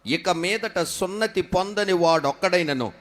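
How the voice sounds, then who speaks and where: A man reading scripture aloud in a formal, measured way. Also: high-pitched, fairly bright tone. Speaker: scripture reader.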